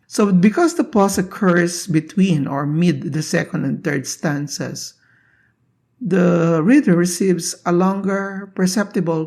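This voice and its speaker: Slow, measured poetry teacher. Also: medium pitch, a little mellow. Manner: measured, deliberate, with long pauses between phrases. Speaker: poetry teacher and channel host. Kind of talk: slow explanatory lesson on a poem.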